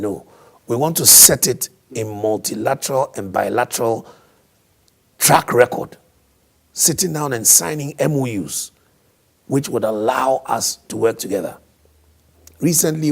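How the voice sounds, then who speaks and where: A hoarse man whose voice is partly lost, giving emphatic, explanatory interview answers as a diplomat, often posing rhetorical questions. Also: on the low side.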